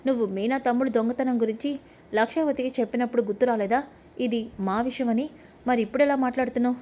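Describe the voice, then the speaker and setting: A woman's voice: on the high side, fairly even intonation, fast, dark tone, natural voice. A woman doing a blunt sarcastic young husband. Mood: defiant. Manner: sarcastic, defiant.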